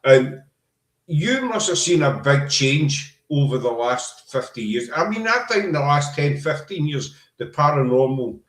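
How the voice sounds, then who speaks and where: Big pitch swings mark a slightly high, somewhat bright voice from a Scottish podcast host from Glasgow, who speaks at a measured pace. He hosts a casual chat, rambling and emphatic, and the recording echoes roomily.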